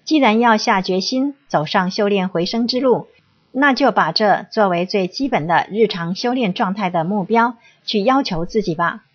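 Husky woman reading a reflection. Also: mid-range voice, normal speed. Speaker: reader of a spiritual reflection. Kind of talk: read-aloud reflective essay. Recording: dull lo-fi recording.

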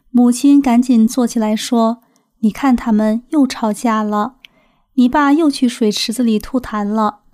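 A woman reading a first-person account aloud as scripted narration, calm and even. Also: on the high side. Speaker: reader.

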